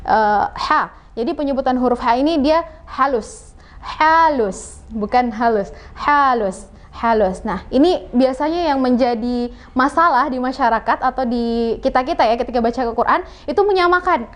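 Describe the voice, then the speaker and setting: Female Quran teacher for a TV lesson, slightly high voice, patient, slow repeated demonstrations. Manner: patient, demonstrating sounds slowly and repeating them. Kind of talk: televised religious lesson.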